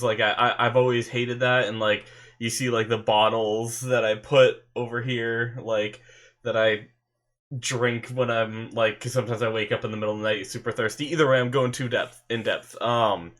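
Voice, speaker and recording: A young man with a stuffy nose and a medium-pitched voice hosts an anime reaction channel, chatting casually to his webcam at a desk in his bedroom. He rambles excitably, full of fillers and restarts.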